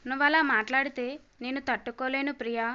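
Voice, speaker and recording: A young elder sister from a storybook, anxious and devoted, pleading with her sibling in a high, smooth voice, as a woman narrator reads her part. The sound is a little dull and lo-fi. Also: fairly even intonation, brisk, pushed and bright. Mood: tearful. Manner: pleading, tearful.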